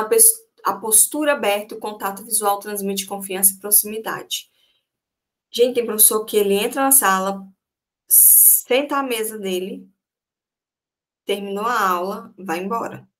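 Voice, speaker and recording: A middle-aged woman teacher giving an online lecture to her students, speaking conversationally and often checking in with them, recorded on a computer microphone. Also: mid-range voice.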